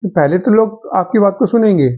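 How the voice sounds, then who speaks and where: A man's voice: high-pitched, a little fast, muffled recording. A man giving a motivational talk, speaking earnestly and addressing his listeners as friends.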